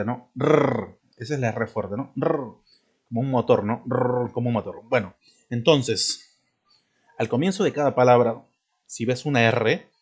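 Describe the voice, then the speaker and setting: A man teaching a spelling lesson, who clears his throat often, drills example words one by one and keeps checking in with the student. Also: mid-range voice. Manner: checks in constantly with "¿de acuerdo?" and "¿no?"; stresses and drills each example word slowly.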